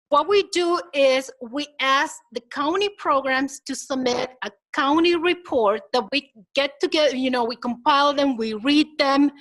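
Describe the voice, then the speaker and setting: A high-voiced woman with a Minnesotan accent delivers a conference presentation, heard on a low-quality recording. She chats engagingly, puts rhetorical questions to the audience, and brings quotes to life with lively voices.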